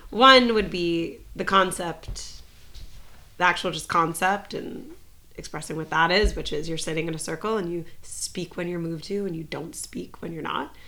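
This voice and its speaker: Low woman, reflective podcast guest, rambles thoughtfully with fillers. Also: normal speed, sharp tone. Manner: reflective, thinks aloud with frequent fillers. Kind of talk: casual conversational interview.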